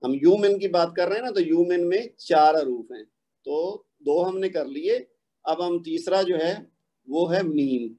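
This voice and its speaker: Patient Pakistani male tutor, fairly high and mellow, explains and then slowly recites examples for students to repeat. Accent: Pakistani Urdu. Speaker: Quran recitation teacher. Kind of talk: online tajweed lesson.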